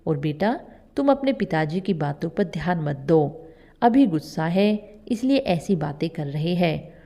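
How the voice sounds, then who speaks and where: A woman doing a gentle old mother. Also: fairly low pitch, lively intonation, measured pace, creaky, heavily acted. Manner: soothing, pleading. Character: gentle elderly mother-in-law, soft-hearted.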